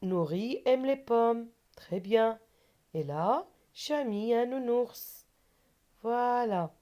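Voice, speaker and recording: A woman's voice: fairly high pitch, animated, drawn-out words, dull audio. A woman teacher giving a patient reading lesson for children, repeating syllables and words and asking questions that she answers herself.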